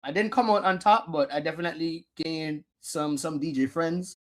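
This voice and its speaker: A man, a guest DJ telling stories in a casual podcast interview, animated and slangy. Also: fairly high pitch, normal speed. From Antigua. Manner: animated storyteller, slangy, acts out his own past lines. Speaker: guest DJ and producer.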